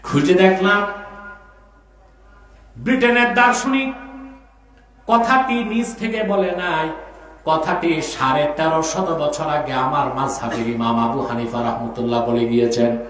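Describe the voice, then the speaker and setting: A man preaching a sermon through loudspeakers, his voice carried by heavy hall echo in a large building. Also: steady tone, unhurried, long pauses. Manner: preaching fervently, chanting Arabic phrases. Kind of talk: religious sermon. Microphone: microphone through loudspeakers. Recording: booming echoey hall reverb, PA sound.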